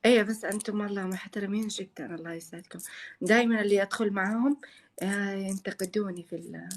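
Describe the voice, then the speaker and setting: A man's voice: sits high, steady tone, quick pace. A man putting on the voice of a young woman, coy, polite and insistent, in a live prank chat. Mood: coy, friendly. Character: soft-spoken young woman, pleading and friendly, in a prank.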